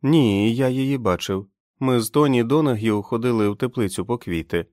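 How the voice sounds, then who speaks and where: A man voicing a jittery, excitable young male sentry who babbles eagerly in an audiobook. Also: mid-range voice, moderate pace, no room sound, studio quality, voice pushed up, close to an everyday voice. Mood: babbling.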